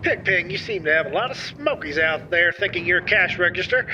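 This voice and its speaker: A bright, high-pitched trucker keys up his CB radio, as a man puts him on, drawling slang in a mock-serious way. The sound is muffled and lo-fi like a cab radio. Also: lively intonation, a little fast, full character voice. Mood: playful. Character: man playing a folksy trucker calling over CB radio.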